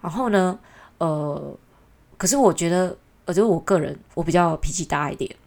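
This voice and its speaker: A woman's voice: fairly low pitch, moderate pace, gravelly, darkish tone. A woman from Taiwan with a Taiwanese Mandarin accent, telling a story in a casual, chatty way, exasperated and full of mocking asides. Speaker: vlogger.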